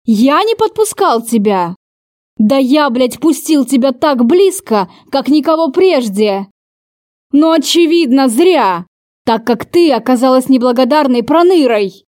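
A woman voicing a furious, cruel man who shouts and swears in an audiobook. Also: high-pitched, expressive, a little slow, no room sound, studio quality. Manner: shouting, swearing, spitting words.

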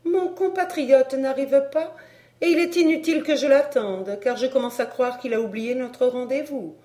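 A woman's voice: high-pitched, moderate pace, mellow, voice pushed up, close to an everyday voice. A woman voicing a poised, haughty foreign countess in a cool, airy manner, read as an audiobook. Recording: roomy echo.

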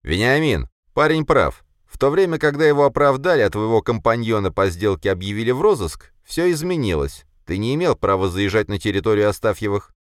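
A man voicing a stern older clan head who barks orders and tries to calm others in an audiobook. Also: on the low side, a little fast, hardly any pauses, clear, resonant tone, no room sound, studio quality, pitched above the performer's own voice. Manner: authoritative, barking orders.

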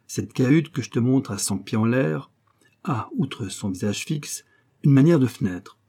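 A man's voice: mid-range voice, lively intonation, measured pace, warm tone, husky. A man reading an audiobook and voicing a sly old bailiff's clerk who coaxes and schemes in a knowing, sometimes stern way. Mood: scheming.

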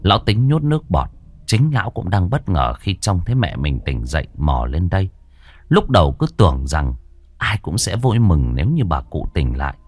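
A man narrating a ghost story with a dramatic, drawn-out delivery. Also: sits low, big pitch swings, husky, no echo.

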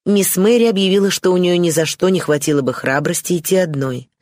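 A reader giving measured, scripted narration of a classic novel. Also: medium pitch, darkish tone, no echo, clean studio sound. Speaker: audiobook reader.

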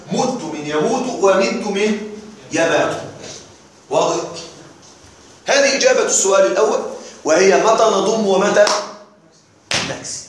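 A man teaching a grammar lesson to a class, reciting word pairs slowly and checking often that his students follow. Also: high-pitched, a little hiss or hum. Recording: echoey room, voice from afar.

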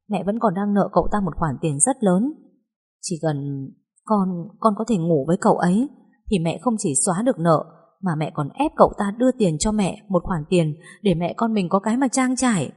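A woman's voice: on the low side, expressive, moderate pace, a little mellow, husky. A woman voicing a desperate, indebted mother who tearfully pleads with her daughter. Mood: scheming.

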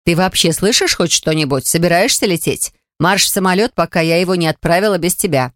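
A woman reading the part of a bossy airport dispatcher who scolds a passenger over the loudspeaker. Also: fairly low pitch, a little fast, no room sound, studio quality, lightly acted. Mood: scolding. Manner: scolding, calling out.

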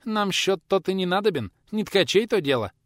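A man's voice: expressive, a little fast, no room sound, studio quality, close to an everyday voice. A male narrator voicing a sullen, blunt peasant boy in an audiobook, speaking with curt replies. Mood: sullen cheeky. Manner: curt, blunt, slightly raised pitch. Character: sullen, cheeky peasant boy, eldest orphan.

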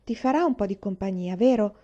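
A woman reading aloud, voicing a shy, tender-hearted young girl who speaks softly. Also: mid-range voice, animated, fairly quick, muffled recording, close to an everyday voice.

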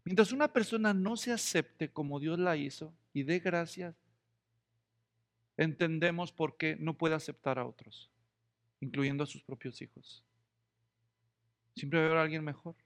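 A man preaches a lively, joking sermon and keeps pulling his congregation in with questions. His voice sits high for a man, and it trails off into a long church reverb. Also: moderate pace, creaky, long pauses. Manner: humorous, acts out quoted voices, asks the congregation questions. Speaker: pastor. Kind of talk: expository sermon.

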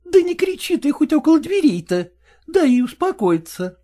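A woman voicing an exasperated middle-aged mother who defends herself and tries to calm her husband, in an audiobook reading. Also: high voice, moderate pace. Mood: soothing. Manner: defensive, pleading.

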